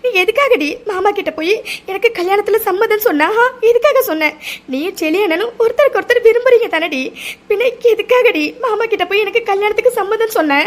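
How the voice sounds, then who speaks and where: A woman's voice: very high voice, expressive, a little fast. A woman voicing an anxious, caring young sister who presses with emotional questions. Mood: upset, questioning. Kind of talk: cartoon voice acting.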